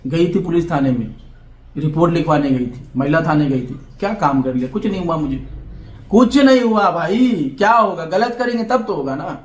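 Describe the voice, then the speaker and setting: Brief: young vlogger, defiant and lecturing, voice sits a bit high, echoey room. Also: male voice, lively intonation, a little fast. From Bihar, India. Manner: defiant and lecturing, keeps asking "understood?". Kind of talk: heated vlog monologue to camera.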